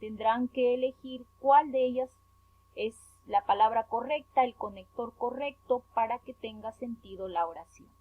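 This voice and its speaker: Remote teaching from a woman in Peru: her voice sits on the high side and moves at a normal pace as she walks young pupils through a worksheet, syllable by stressed syllable when spelling. The recording is dry and tinny, phone-like in quality.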